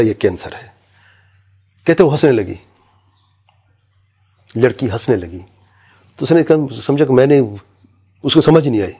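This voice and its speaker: A man's voice: mid-range voice, dark tone, husky. A man preaching a religious talk, vividly retelling anecdotes and quoting each person in them. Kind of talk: religious talk with told stories.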